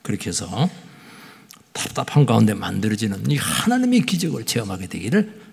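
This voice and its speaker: A man in his fifties preaching a sermon as pastor, excitable and nasal, surging into loud emphatic bursts. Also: lowish voice, a little fast, vocal fry, breathy edge. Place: church sanctuary. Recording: long church hall reverb.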